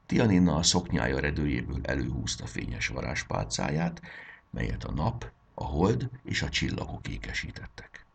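Man, children's story narration, deep voice, husky, lively melody.

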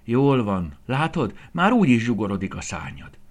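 A man's voice: medium pitch, big pitch swings, voice pushed up. A man voicing a kind little fairy girl who coaxes and encourages in a lilting, raised voice. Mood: coaxing. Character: tiny kind fairy girl, gentle and eager.

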